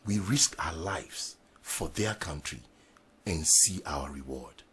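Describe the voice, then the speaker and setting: An actor with a Ghanaian English accent playing a proud ex-soldier sergeant who leads a protest, speaking in a raspy, forceful, speechmaking way. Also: male voice, very deep voice, animated, slow pace, full character voice. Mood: defiant. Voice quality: raspy, gravelly. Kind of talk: period drama acting.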